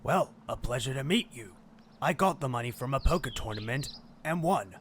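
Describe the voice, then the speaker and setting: Seafaring animal captain male actor: roguish, hard-drinking, mid-pitched, audio drama, faint noise. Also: lively intonation, moderate pace, fairly bright tone, close to an everyday voice. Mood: hearty.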